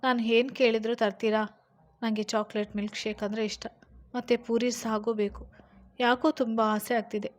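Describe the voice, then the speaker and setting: A woman's voice: fairly high pitch, little pitch movement, moderate pace, close to an everyday voice. A woman voicing a sick young wife who talks in a childlike, pleading way.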